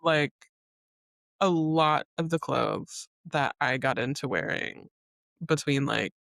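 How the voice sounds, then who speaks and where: A woman's voice: deep voice, takes it slowly, creaky, fairly bright tone, no room sound, studio quality. A woman in her late twenties co-hosting a podcast, chatting loosely with lots of "like" and frequent laughter. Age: late 20s. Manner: chatty, laughing, full of filler "like". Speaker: podcast co-host. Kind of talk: casual chat.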